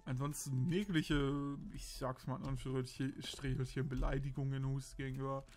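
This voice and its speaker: A man's voice: mid-range voice, level tone, normal speed, a little mellow, soft background music. A young man from Berlin giving rambling, crude, casual commentary while playing a shooter game. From Berlin, Germany. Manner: rambling, crude, self-justifying chatter. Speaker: let's play commentator.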